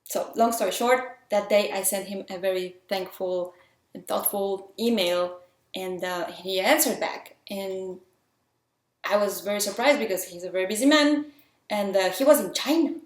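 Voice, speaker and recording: With a medium-pitched voice at a moderate pace, a woman from Mexico chats enthusiastically and earnestly about filmmaking tips as an independent filmmaker. Her accent is Mexican with some French influence, and the space sounds roomy and echoey.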